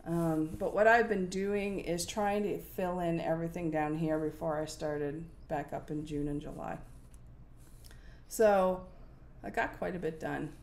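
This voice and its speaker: In a relaxed show-and-tell from her home in Nova Scotia, Canada, a cross-stitch video host in her forties talks through her project, filling pauses with lots of ums as she thinks aloud. Her voice is fairly low and darkish, with fairly even intonation and a measured pace. A fixed camera at desk distance captures her indoors in a room with window blinds.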